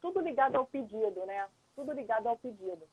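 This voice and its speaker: A woman's voice: fairly high pitch, expressive, fast talker, slightly rough, no room sound. A woman lawyer and mediator, a guest on a live stream, explaining patiently in a casual chat and often checking in with the listener. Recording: dull lo-fi live-stream audio, dry.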